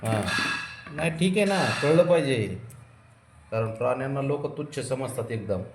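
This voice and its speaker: A man's voice: mid-range voice, animated, moderate pace. A man talking casually to his pets, firm and coaxing, lecturing them about discipline while feeding them. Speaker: cat owner feeding his cats. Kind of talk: casual talk to pets and camera. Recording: echoey room, faint ambient noise.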